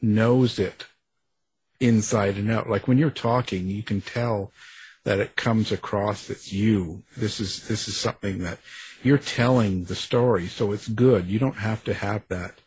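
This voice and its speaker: A man speaking casually in conversation, in an earnest and slightly halting way. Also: on the low side, fairly even intonation, a little mellow, slight background noise, rough recording.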